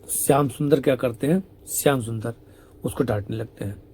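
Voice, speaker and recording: A man's voice: mid-range voice, moderate pace, mellow, a little hiss or hum. A man conversationally retelling a devotional story as a spiritual storyteller.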